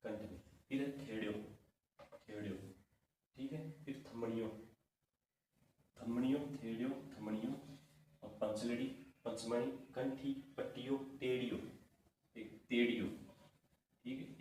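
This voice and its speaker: A man's voice: mid-range voice, darkish tone. A man teaching an exam-prep lesson, reeling off lists of terms and asking and answering his own questions. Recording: echoey room, mic at a distance, faint noise.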